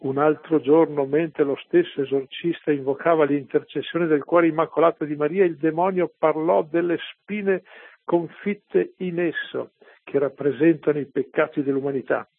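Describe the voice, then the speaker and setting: Gravelly man preaching on tinny radio. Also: fairly high pitch, steady tone, moderate pace, no room sound. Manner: conversational, asking listeners "capito?". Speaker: religious radio speaker. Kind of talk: sermon-like storytelling on radio. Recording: tinny phone-like radio broadcast.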